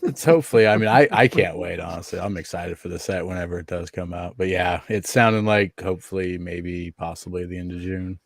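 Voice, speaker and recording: A man's voice: deep voice, steady tone, brisk, gravelly, few pauses, dry recording, studio quality. A man chatting easily and a little hesitantly as a guest collector on a live stream. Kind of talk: casual chat.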